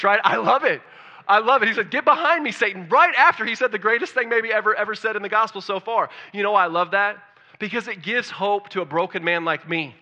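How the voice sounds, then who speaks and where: A male pastor preaching a conversational sermon, often asking the congregation questions and swinging from loud excitement to soft, hushed tones. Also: high-pitched, lo-fi sound.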